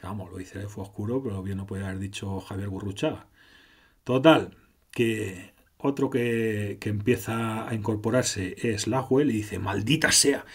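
A man's voice: lowish voice, fairly even intonation, moderate pace, darkish tone, husky. A man from doing casual, sarcastic gameplay commentary, swearing freely as he retells the story.

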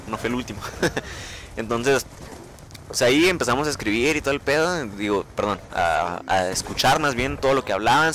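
A young Mexican man tells a story to his vlog audience at a rapid clip. His pitch sits mid-range, and he acts out his own reactions with plenty of swearing. A faint hiss runs under the recording. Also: fairly bright tone. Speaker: vlogger. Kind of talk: casual storytelling monologue.

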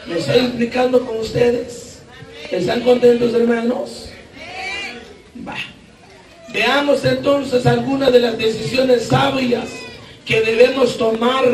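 A man from Guatemala preaching a fervent sermon, shouting often and calling out questions to the congregation. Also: very high-pitched, fairly even intonation, slow pace, slight background noise. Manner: fervent, shouting and asking the crowd for replies. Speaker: evangelist preacher. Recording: echoey room from far off.

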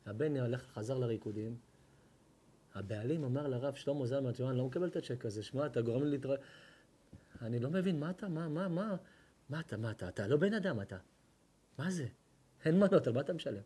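A man, a rabbi telling a sermon story and acting out its dialogue, swinging between hushed lines and loud bursts. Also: medium pitch, expressive, pauses often, slightly rough. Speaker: rabbi giving a Torah lesson. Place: hall at an evening lecture.

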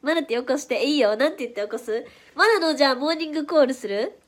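A young-sounding woman with a Kansai accent chats on a casual livestream, her voice pitched high and a little stuffy from hay fever. She reacts to viewers quickly and playfully. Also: animated. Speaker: idol livestream host. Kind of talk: casual livestream chat reading viewer comments.

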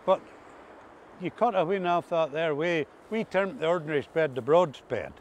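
An older man with an Ulster Scots accent and a slightly high voice reminisces in broad country dialect. He talks casually, as in an interview. The recording is made outdoors, with some ambient noise behind him. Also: moderate pace. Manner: speaks in broad rural dialect. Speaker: interviewee recalling farm life. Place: outdoors on a grassy coastal path by the sea.

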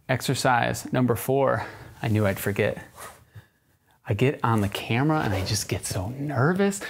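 A young man, a fitness coach, talks casually as he demonstrates a crawling exercise in a carpeted living room, recorded by a camera a few meters off. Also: medium pitch.

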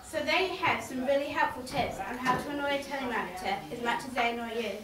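A woman's voice: high-pitched, quick pace, far from the mic, crowd noise. Woman, humorous speech, playful, echoey hall, audience behind. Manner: playful, acts out little scenes. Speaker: student speaker.

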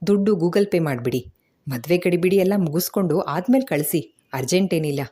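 A brisk, practical beautician, always on the move, who talks fast and never stops. A woman reads her part in a low, husky voice that is quicker than her narration. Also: warm tone. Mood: bustling. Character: brisk, chatty female beautician, busy and practical.

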